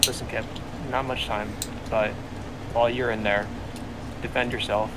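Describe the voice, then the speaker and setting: A man's voice: mid-range voice, flat delivery, normal speed. A man playing a tabletop game, chatting casually and swearing and laughing freely, over voice chat. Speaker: player. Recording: noisy background.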